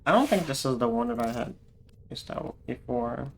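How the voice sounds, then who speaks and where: A man's voice: medium pitch, expressive, normal speed, gravelly, background noise. Rambling, self-correcting male streamer. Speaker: livestreamer playing a video game. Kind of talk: casual gameplay commentary.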